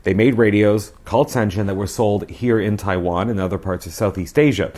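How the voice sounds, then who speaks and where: Wearing a lapel mic in a small indoor living room, a radio review show host in his forties talks to camera in a casual, chatty, emphatic style. His fairly low, darkish voice stays steady in tone and runs a little fast.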